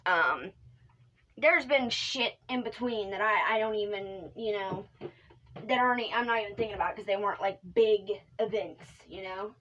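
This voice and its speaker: Young female vlogger, middle-pitched, casual and rambling, candid with the odd swear. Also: normal speed, pushed and bright, dull audio, a little hiss or hum. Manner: rambling, frequent fillers and restarts; drops into whispered asides. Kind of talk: casual talk to camera.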